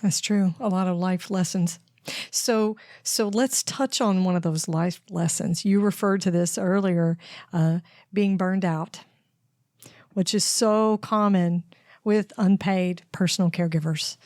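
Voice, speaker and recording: A woman's voice: on the low side, steady tone, measured pace, darkish tone, no echo, studio quality. A woman hosting an interview podcast, affirming her guest and asking follow-up questions. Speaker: podcast host.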